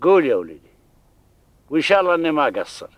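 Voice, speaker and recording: An actor in his sixties playing a kindly old father in a television drama, with a Bedouin Arabic accent and a paternal, measured manner. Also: on the high side, sing-song, dry recording. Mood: gracious, courteous. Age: 60s.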